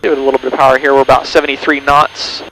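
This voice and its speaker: A man's voice: medium pitch, flat delivery, racing, pushed and bright. A man talking like a pilot over the radio, giving step-by-step instructional commentary from a small plane's cockpit through a headset. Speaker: pilot demonstrating pattern work. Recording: noisy aircraft cockpit headset radio audio. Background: engine drone and radio noise.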